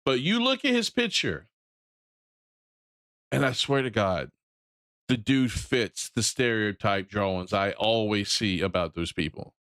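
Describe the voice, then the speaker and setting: A man's voice: lowish voice, big pitch swings, unhurried, pauses often, fairly bright tone, no echo, studio quality. A man with a Southern American accent streaming, ranting bluntly about games and often repeating or restarting his phrases. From Southern United States. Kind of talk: live-stream reaction commentary.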